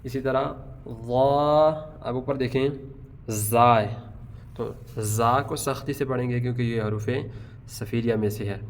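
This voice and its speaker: A man with a Pakistani Urdu accent teaching a tajweed lesson, stretching out each letter name slowly, then explaining in quick bursts. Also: medium pitch, slight background noise. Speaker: Quran recitation teacher.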